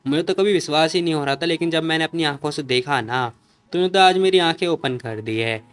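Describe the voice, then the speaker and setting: A man's voice: fairly high pitch, brisk, clean tone, close to an everyday voice. A man voicing a cruel male gang boss who mocks and taunts. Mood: mocking. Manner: mocking, taunting.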